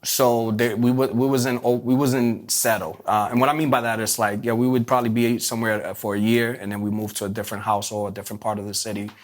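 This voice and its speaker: Man, from Puerto Rico, low-pitched, halting, interview guest. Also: level tone. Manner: halting, many restarts and fillers, streetwise phrasing. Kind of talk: candid life-story interview.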